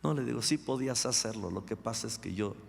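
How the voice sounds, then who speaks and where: A man's voice: on the low side, animated, quick pace, gravelly. An older man, a pastor preaching a sermon and acting out the dialogues of his own stories. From Mexico. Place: church sanctuary. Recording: echoey church hall with long reverb.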